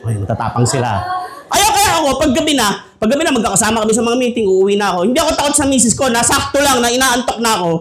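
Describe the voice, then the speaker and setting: A man's voice: extremely high pitch, very animated, rapid-fire, a bit bright. A man from the Philippines preaching a humorous sermon as pastor, joking and conversational, laughing often.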